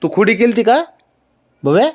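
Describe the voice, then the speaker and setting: A man's voice: high voice, very animated, a little slow. A man at home talking fondly to his pet cat, teasing it with coaxing questions. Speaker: cat owner. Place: home, indoors.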